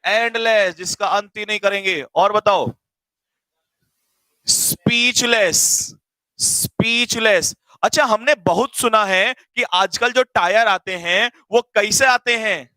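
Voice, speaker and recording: A man teaching an online English grammar class, quizzing students rapid-fire in a teasing, energetic way. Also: high voice, dry recording, low-quality recording.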